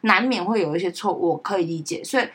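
Brief: young woman podcast co-host, quick and emphatic, a bit husky. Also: on the low side, animated, a bit bright. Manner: emphatic, rising sharply when worked up. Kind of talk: casual chat.

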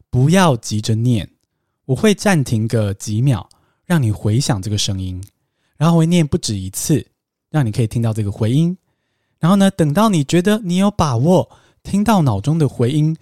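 A man teaches English pronunciation on his podcast. His fairly high voice swoops up and down as he explains patiently, dropping into slow, emphatic asides. The sound is close and completely dry. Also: a little mellow, no room sound.

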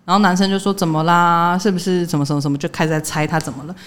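Fast-talking woman telling a story. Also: fairly low pitch, slight background noise. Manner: animated storytelling, laughing, acting out quoted lines. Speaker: podcast co-host. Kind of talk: casual chat, storytelling.

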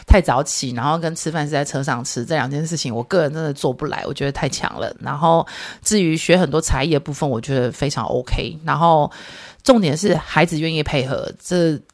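A woman's voice: low-pitched, brisk. A woman in her thirties with a Taiwanese Mandarin accent, telling a story as a podcast host in a chatty, candid way. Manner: chatty and candid, mixes in English and Taiwanese Hokkien words. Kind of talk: casual storytelling monologue.

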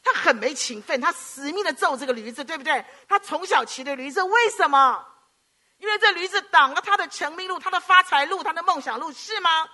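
A middle-aged woman from Hong Kong, preaching a sermon with animated storytelling and frequent rhetorical questions. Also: very high voice, a little fast.

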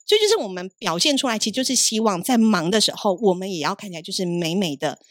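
Woman co-host, brisk storyteller, dry close sound. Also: mid-range voice, lively intonation, no echo. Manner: storytelling, acts out quoted voices. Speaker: podcast co-host. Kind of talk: casual chat.

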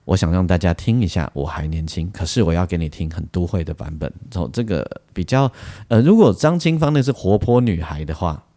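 Animated and brisk, a man with a deep, mellow voice and a Taiwanese Mandarin accent hosts a solo music podcast. His casual talk wanders, peppered with particles and asides.

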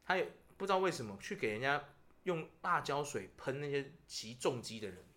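A man's voice: medium pitch, a little fast. A man with a Taiwanese Mandarin accent hosting a podcast, telling stories and ranting in casual chat. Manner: animated, ranting storyteller. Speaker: podcast host.

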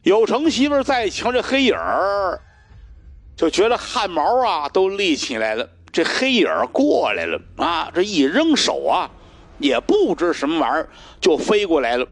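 Male storyteller, lively pitch swings, dry close sound. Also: normal speed, no room sound. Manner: animated, dramatic pacing. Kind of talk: traditional solo storytelling.

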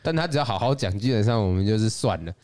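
A man's voice: on the low side, lively intonation, quick pace, darkish tone. A man co-hosting a podcast in casual chat, adding wry remarks. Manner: wry interjections and short agreement. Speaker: podcast co-host.

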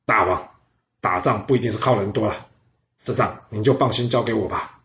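A man's voice: lowish voice, brisk, a bit bright. A man voicing a confident veteran general who gives firm orders. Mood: calm. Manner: firm, commanding. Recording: roomy, slightly dull audio.

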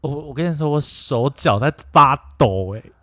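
A podcast co-host with a Taiwanese Mandarin accent and a mid-range voice tells a story in casual chat at a moderate pace. He's animated, acting out the voices and quoted dialogue, with bursts of loud laughter. The studio sound is clean, with no echo.

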